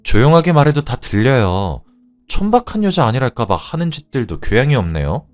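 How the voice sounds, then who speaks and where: A man voicing a sharp, cold-spoken young woman civil servant in a storybook drama. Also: medium pitch, very animated, fairly quick, faint music behind, pitched above the performer's own voice, close to an everyday voice. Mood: scornful. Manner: cold and cutting.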